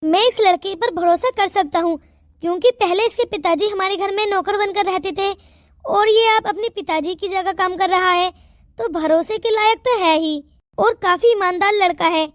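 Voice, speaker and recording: A woman's voice: very high-pitched, normal speed, no echo, studio quality. A woman voicing a stern, wealthy older father in a cartoon, speaking in a commanding, fatherly way. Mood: earnest.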